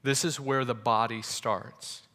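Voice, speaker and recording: Young guy preaching, excited story, lots of restarts, echoey church hall. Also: medium pitch, unhurried. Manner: animated, many restarts. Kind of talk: sermon storytelling.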